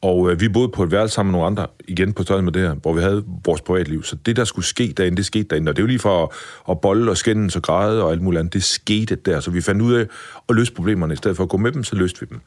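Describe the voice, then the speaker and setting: Deep-voiced blunt storytelling man. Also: no room sound. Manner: lively, blunt, mild swearing. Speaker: chef, interview guest. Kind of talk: casual storytelling in a podcast interview.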